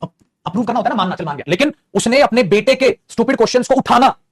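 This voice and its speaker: A man runs an English grammar lesson at a quick clip, playful and coaxing. His voice sits high with a husky grain. The sound is dry and close, with no room around it. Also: no echo. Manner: lively, playful, addresses students as beta and guruji, acts out student voices.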